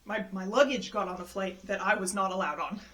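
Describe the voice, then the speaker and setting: Lady telling a story casually, gets worked up, does little voices for people, medium pitch. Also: fairly quick. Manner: animated, acts out quoted people with jumps in pitch; exasperated retelling of a travel mishap.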